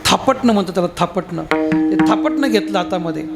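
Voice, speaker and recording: High-pitched animated kirtan storyteller man. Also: fairly quick, creaky. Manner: animated, rhetorical questions to the crowd. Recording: tabla music behind. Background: tabla and instruments.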